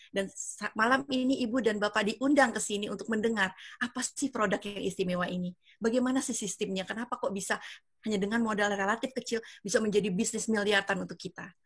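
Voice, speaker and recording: A woman's voice: mid-range voice, slightly rough, no echo. Woman in her fifties, event emcee, online video call, dry close sound, fillers and light laughs. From Indonesia. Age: 50s. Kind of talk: online business presentation.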